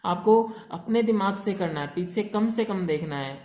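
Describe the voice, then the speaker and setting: A woman teaching a shorthand class. She reads English rules slowly and explains them in mixed Hindi and English. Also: mid-range voice, darkish tone. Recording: echoey room.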